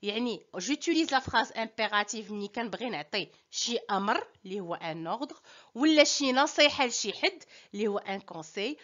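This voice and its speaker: A woman with a Moroccan accent teaching a French lesson, stressing key terms slowly and moving between French and Moroccan Arabic. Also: fairly high pitch, animated, fairly bright tone, dull audio. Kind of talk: language lesson.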